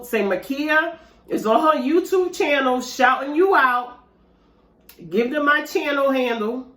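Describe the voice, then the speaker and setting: A woman's voice: high-pitched, fairly bright tone. A woman vlogger, chatting casually and animatedly to her viewers while eating dessert at home. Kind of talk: casual mukbang chat to viewers. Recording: echoey room.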